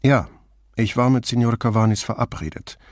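A man voicing Brunetti, a police detective who asks questions calmly and casually. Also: mid-range voice, normal speed, no room sound, clean studio sound, close to an everyday voice. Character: calm, probing male police detective, Brunetti.

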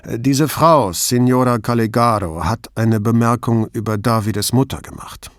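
A man's voice: mid-range voice, measured pace, dry recording, studio quality, natural voice. A man voicing a polite, curious male police commissioner in an audiobook, asking probing questions. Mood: careful.

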